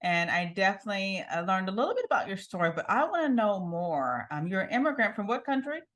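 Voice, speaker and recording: A woman's voice: medium pitch, big pitch swings, fast, a bit bright. A woman hosting an interview show, introducing her guest with enthusiasm and laughing often. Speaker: TV show host.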